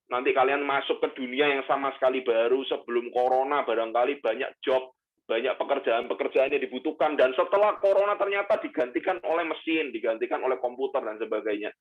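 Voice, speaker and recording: A young man preaching a lively sermon, tossing in English phrases and casual slang. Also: medium pitch. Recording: tinny phone-like sound.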